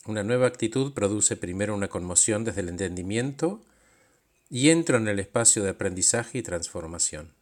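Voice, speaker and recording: A man, a coach narrating and asking calm, reflective questions. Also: on the low side, moderate pace.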